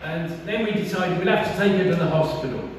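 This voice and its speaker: A man's voice: fairly high pitch, fast, slight background noise. A man, preaching a conversational sermon and asking the congregation questions. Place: church hall. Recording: echoey church from far off.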